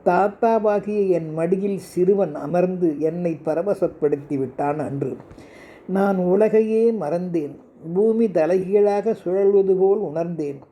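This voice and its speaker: A man's voice: high-pitched, slow pace, dark tone, a little hiss or hum. An older man telling a heartfelt first-person story as narrator.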